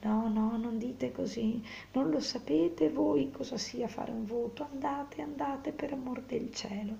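A woman storyteller voicing a frail, devout young peasant woman who speaks in a hushed, half-whispered way. The tone is mellow and gravelly, heard through a slightly muffled recording. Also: mid-range voice, measured pace, slight background noise. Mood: imploring.

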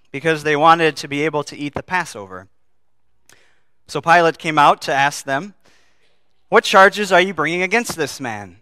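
A man preaching an earnest sermon to his congregation, his voice bright and forceful. The sound is crisp and resonant, recorded dry and close with no room echo. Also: a little high. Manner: earnest, asks the congregation questions. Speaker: pastor. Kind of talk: sermon with scripture reading.

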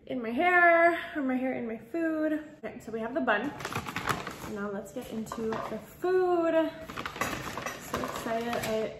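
Casting: chatty young female vlogger, slightly high voice, echoey room with some noise, eating on camera. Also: expressive, measured pace. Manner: chatty and bubbly, laughs between phrases. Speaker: vlogger host. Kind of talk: casual chat mukbang vlog.

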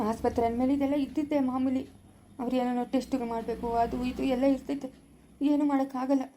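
A woman's voice: sits high, steady tone, fast talker, warm tone, slight background noise, close to an everyday voice. A woman playing a worried father who consoles his wife and scolds his daughter in an amateur family drama. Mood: stern.

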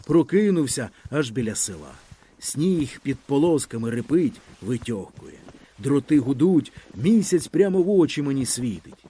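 A man reading a literary story aloud with lively, expressive storytelling in a boy's first-person voice. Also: mid-range voice, normal speed, husky. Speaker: audiobook narrator.

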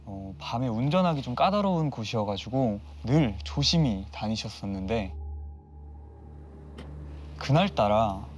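A man telling a ghost story on a TV studio set, building suspense with drawn-out pauses. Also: mid-range voice, a little mellow, a little hiss or hum. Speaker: storyteller on a horror talk show. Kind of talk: dramatic ghost-story narration. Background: eerie background music.

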